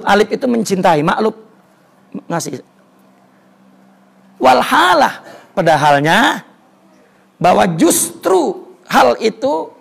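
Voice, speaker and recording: Man giving a religion class, high husky voice, rasps a lot, lively up and down. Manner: storytelling, repeats words for emphasis; recites Arabic then explains it. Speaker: religious teacher. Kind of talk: religious study lesson.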